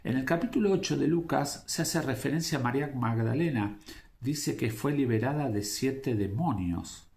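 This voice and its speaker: A man giving a devotional talk as a preacher, unhurried and reflective, pausing often with fillers. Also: medium pitch, expressive, gravelly, a little mellow. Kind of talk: devotional talk with scripture reading.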